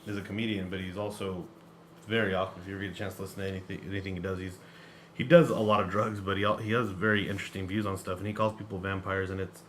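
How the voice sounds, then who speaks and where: A man co-hosting a podcast, chatting casually with deadpan jokes. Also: low voice, very fast, slight background noise. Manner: joking, deadpan banter. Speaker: podcast co-host. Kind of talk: casual chat.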